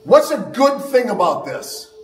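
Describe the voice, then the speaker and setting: High-voiced man teaching martial arts. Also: sing-song, a little slow, recorded from a distance, a little hiss or hum. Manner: frequent "all right?" and "okay?" checks to the class; jokey, upbeat and encouraging. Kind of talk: seminar teaching with demonstration. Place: large training hall. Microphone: camera mic from a distance. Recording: echoey hall recorded from afar.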